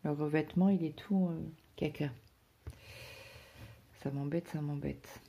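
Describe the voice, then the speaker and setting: A woman's voice: low-pitched, steady tone, a little slow, breathy edge, lo-fi sound. A woman chatting casually to her viewers about her day, rambling, with many fillers and restarts. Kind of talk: casual personal chat to viewers.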